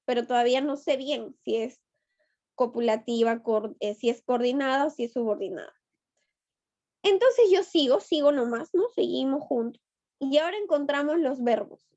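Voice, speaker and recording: Woman teacher, high voice, unhurried and patient, on a dull lo-fi recording. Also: darkish tone. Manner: patient, coaxing, asks students questions. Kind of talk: online class lesson. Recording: dull lo-fi online class audio.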